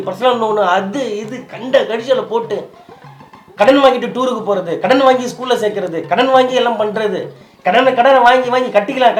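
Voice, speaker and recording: Tearful high-voiced man, fast talk. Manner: tearful, pleading and consoling. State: crying. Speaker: husband in a staged prank video. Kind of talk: emotional scripted couple conversation.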